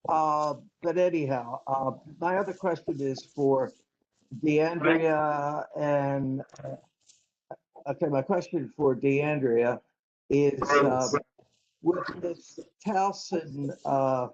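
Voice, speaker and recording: A man on a council, speaking slowly and haltingly from a computer in a remote meeting. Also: a little high, highs cut off. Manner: slow, halting, rambling. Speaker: council member. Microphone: computer mic on a video call.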